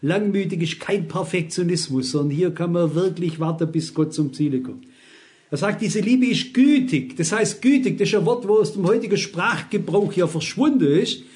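A man's voice: sits high, lively intonation, moderate pace, a little mellow. A man in his sixties preaching a sermon, emphatic and constantly asking his listeners rhetorical questions.

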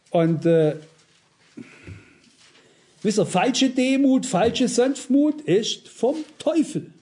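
A man's voice: high-pitched, dark tone. A man preaching a blunt, emphatic sermon, often asking his listeners rhetorical questions and citing scripture. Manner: quotes scripture references. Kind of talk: sermon to a congregation.

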